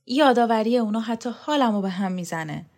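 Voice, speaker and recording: A woman reading a novel aloud, voicing a sharp, disillusioned woman who speaks with biting contempt. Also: fairly high pitch, animated. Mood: scornful. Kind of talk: audiobook character reading.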